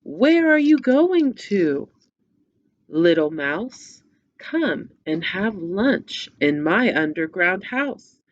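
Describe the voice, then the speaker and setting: A woman's voice: medium pitch, big pitch swings, drawn-out words, muffled recording. A woman voicing a sly, hungry male fox in a coaxing storybook read-aloud.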